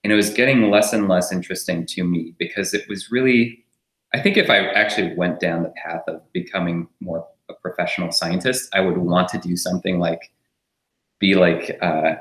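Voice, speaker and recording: A man's voice: low voice, moderate pace, fairly bright tone, echoey room. A man raised in France, a startup co-founder, talking easily as an interview guest, with fillers and frequent laughs. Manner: easygoing, laughs often, rambles with fillers. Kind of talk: relaxed conversational interview.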